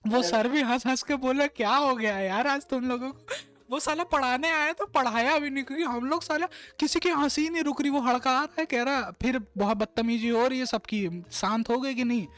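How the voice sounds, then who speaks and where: A man's voice: very high voice, brisk, hardly any pauses, a bit bright. A man telling a funny story to friends in a casual, slangy, laughing way.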